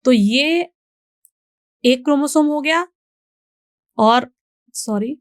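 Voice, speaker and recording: Young Indian woman, patient biology teacher, slow deliberate delivery, clean dry studio sound. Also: high-pitched, no echo. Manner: explains slowly, reads English lines out deliberately, checks in with "ठीक है". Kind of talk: bilingual exam-prep lecture.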